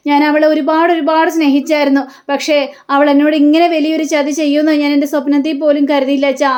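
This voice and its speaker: A woman's voice: high voice, a little mellow, lightly acted. A woman voicing a drunk, heartbroken young man who pleads with his father and cries for his mother. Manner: pleading, repetitive.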